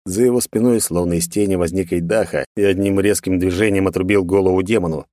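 A man narrating a first-person fantasy story in a calm, measured way. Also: deep voice, no room sound, studio quality. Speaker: audiobook narrator.

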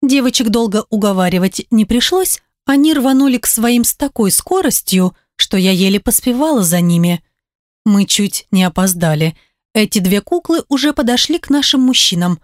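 Woman narrating an expressive audiobook. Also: fairly high pitch, moderate pace, no echo, studio quality. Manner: expressive, voices characters. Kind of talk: audiobook reading, first-person narration.

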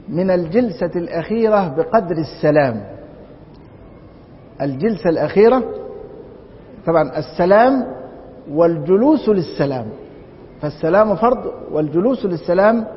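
A man with an Egyptian Arabic accent teaching Islamic law in a classroom lecture. He keeps posing rhetorical questions and answering them himself. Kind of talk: classroom lecture on a religious text. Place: large mosque lecture hall. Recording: dull, reverberant hall with faint rumble.

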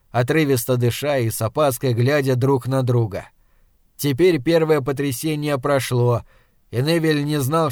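A man narrating an audiobook in a measured, dramatic storytelling manner. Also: fairly high pitch, a little mellow, no room sound, studio quality. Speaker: audiobook reader. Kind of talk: scripted narration.

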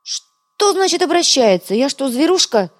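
A woman doing a meek squeaky male scientist. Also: big pitch swings, a little slow. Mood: indignant. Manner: meek, mumbling, squeaky when indignant. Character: timid male astronomer, meek grown son.

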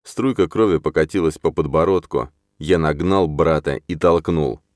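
A deep-voiced man reads a first-person story for an audiobook in a steady, measured way. The recording is dry and close, with no room sound or echo.

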